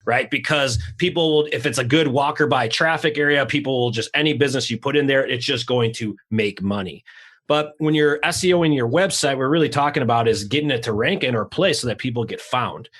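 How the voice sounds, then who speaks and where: An energetic man hosting a podcast, talking fast, loose and unpolished, with the odd swear. His voice sits in a middle pitch, and he comes through a remote call. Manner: fast, raw and excitable, with casual swearing. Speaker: podcast host. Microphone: remote call recording.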